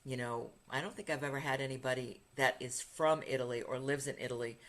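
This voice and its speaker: Here a fast-talking woman with a bass voice and fairly even intonation hosts a relaxed podcast interview. She's also a retreat leader, and her manner is cheerful and chatty, with laughter breaking into her storytelling.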